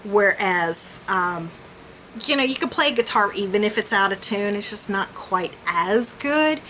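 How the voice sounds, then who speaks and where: A woman speaks as a crystal and chakra healer giving a personal reading. Her delivery is casual and conversational at a middle pitch, wandering into asides as she thinks out loud. Background noise is clearly present behind her voice. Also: animated, measured pace, poor audio. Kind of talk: casual, rambling spiritual reading.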